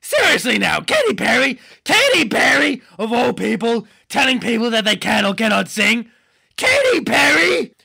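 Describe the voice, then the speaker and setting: A man doing a goofy, laddish superhero for a comic podcast, with a gravelly, rasping voice pitched high and bright. The talk rambles along and keeps bursting into excited shouts. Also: moderate pace, exaggerated voice. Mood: rambling. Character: goofy laddish male superhero chatting about TV.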